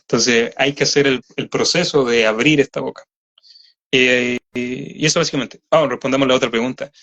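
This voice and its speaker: A man's voice: mid-range voice, steady tone, normal speed, fairly bright tone. A man with a Chilean accent, a voice actor chatting at length in an interview and explaining with many fillers. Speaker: voice actor guest. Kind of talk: casual interview chat. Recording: slightly dull lo-fi audio.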